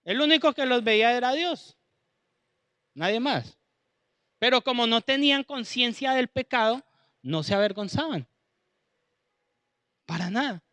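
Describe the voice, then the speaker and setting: Male preacher, very high and bright voice, chatty Bible teacher. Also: expressive, unhurried, long pauses, no echo. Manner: conversational, acts out dialogue.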